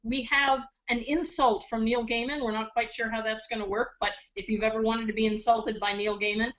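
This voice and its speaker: A woman's voice: fairly high pitch, level tone, brisk, a bit bright. A woman who is a charity auctioneer, chatting casually in a playful, joking way. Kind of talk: casual chat. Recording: dull lo-fi audio.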